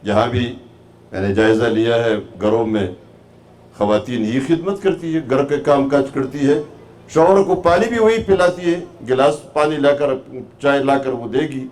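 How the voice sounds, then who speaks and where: A man's voice: medium pitch, a little mellow. A man giving an Islamic lecture to a class as a religious teacher, asking the listeners rhetorical questions and rising to stress his points. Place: class hall.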